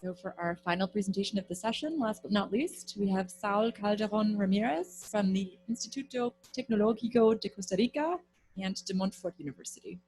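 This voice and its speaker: A woman's voice: mid-range voice, expressive, fairly quick, darkish tone, husky, poor audio. A woman moderating a conference session, formally introducing the next speaker.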